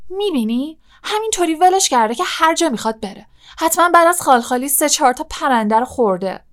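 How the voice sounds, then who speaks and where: A woman reading an audiobook aloud, voicing an excitable, quick-tempered teenage boy wizard who talks loud and eager. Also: sits high, voice pushed up. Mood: indignant.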